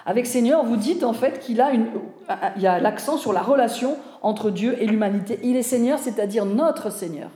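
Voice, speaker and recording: A woman whose voice is a little high with a dark tone teaches Bible translation to a live audience. Her style is conversational, and she often addresses listeners with questions and quick checks. A roomy echo fills the recording.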